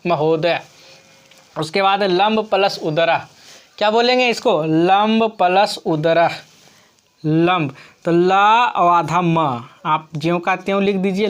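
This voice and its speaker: A woman teaching a grammar lesson at a very slow, patient pace, in a slightly low voice. She keeps asking her students questions and then answers them herself. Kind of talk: classroom lesson explaining grammar on screen.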